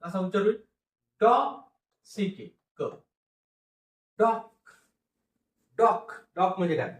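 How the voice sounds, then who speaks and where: A male teacher giving a phonics lesson, speaking slowly and repeating each word for the class to read back. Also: high voice. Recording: echoey room, voice from a distance.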